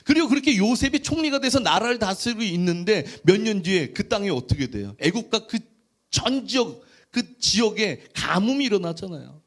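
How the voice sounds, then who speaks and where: A male pastor preaching in a high, lively voice. He tells the story with animated storytelling and keeps asking the congregation rhetorical questions. His pitch swings widely as he goes. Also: normal speed. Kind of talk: sermon.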